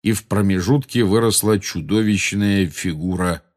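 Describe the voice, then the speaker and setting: A man narrating an audiobook with steady, dramatic storytelling. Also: sits low, moderate pace. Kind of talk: scripted narration.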